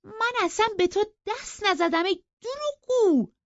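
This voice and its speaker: Lady putting on a bratty young woman, high shrill shouting and crying, dry dull recording. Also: dry recording, lightly acted. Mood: furious. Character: furious tearful spoilt young woman.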